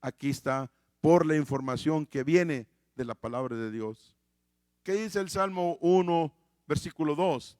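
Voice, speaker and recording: A man's voice: on the high side, measured pace, a little mellow, no room sound, clean studio sound. A man preaching a sermon, repeating key phrases for emphasis and often restarting words.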